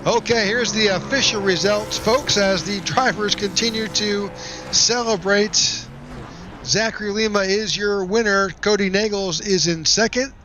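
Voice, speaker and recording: A man calling a race broadcast in a high, bright and forceful voice. He keeps an upbeat announcer's tone and reads out the finishing order in a steady list. A faint hiss sits under his voice. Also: a little slow. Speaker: play-by-play announcer.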